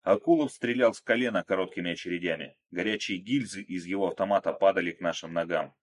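A man narrating an action story in a steady, measured, dramatic reading. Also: deep voice. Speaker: audiobook narrator.

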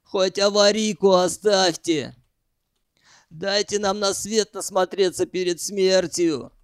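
A rough, crude captive barks and swears at the others, as a man acts him out. The read is loud but close and dry, with no room sound, in an audiobook. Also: high voice, fairly even intonation, slow pace, no room sound. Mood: angry, shouting. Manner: shouting, swearing.

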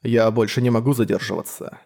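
A man voicing a cold, detached young male hunter who talks flat and emotionless. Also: medium pitch, fairly quick, creaky.

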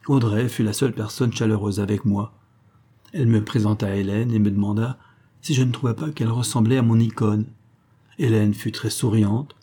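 A man reading a literary novel in the first person as an audiobook narrator, measured and reflective. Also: fairly low pitch, fairly even intonation, dark tone.

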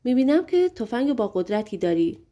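A woman's voice: on the high side, very animated, warm tone. A woman voicing a sly, scheming male giant in an audiobook fairy tale.

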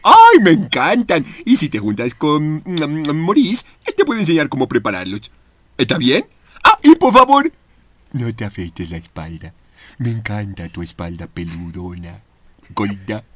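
A man voicing a vain, excitable, playful cartoon lemur king in a theatrical, sassy manner. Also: mid-range voice, a little slow, heavily acted. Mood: coaxing, playful. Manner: theatrical, sassy, swooping between exclamations and asides.

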